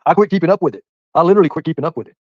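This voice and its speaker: A man in his forties rattles along quickly in a casual live-stream chat, rambling and addressing viewers one by one. His voice sits at an ordinary pitch. The sound is dry and a little dull, like lo-fi stream audio. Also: no echo. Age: 40s. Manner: rambling, talks straight to viewers by name. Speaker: livestreamer reading chat.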